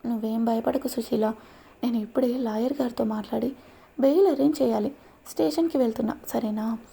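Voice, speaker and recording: A woman's voice: a little high, fairly quick, gravelly, dark tone, husky. Woman voicing a reassuring older uncle. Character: calm reassuring middle-aged uncle, Suresh.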